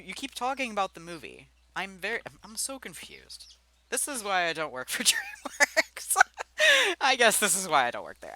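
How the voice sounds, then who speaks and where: A man's voice: medium pitch, sharp tone. A young man giving casual, rambling video commentary, with frequent fillers and giggles.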